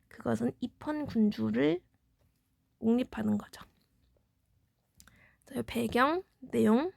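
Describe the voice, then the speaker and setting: Female teacher, slightly high voice, walks students through exam material with rhetorical questions. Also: creaky, darkish tone, no echo, studio quality. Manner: explanatory, poses questions then answers them. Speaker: middle school history teacher. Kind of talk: exam review lecture.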